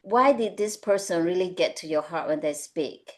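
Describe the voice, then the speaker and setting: An executive coach speaking on a webinar panel, this woman has a fairly low voice and talks at a normal speed. Her first language is Mandarin. She's earnest and full of advice, often tacking on "right?"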